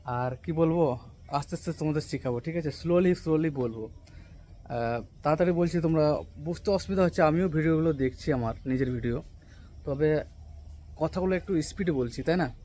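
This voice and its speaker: A young man whose first language is Santali, casually teaching words on an outdoor rooftop vlog, repeating each word slowly and often checking if listeners follow. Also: fairly high pitch, mellow. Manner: slow, drawn-out repetition of taught words, often asking "right?". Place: rooftop outdoors on a cloudy day.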